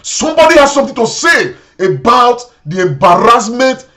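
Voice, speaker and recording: A man's voice: very high-pitched, very animated, moderate pace, bright, forceful tone. A man with a Nigerian accent hosting a show, giving indignant political commentary, repeating himself and slipping into Pidgin. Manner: indignant, repetitive, mixes in Pidgin. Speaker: host.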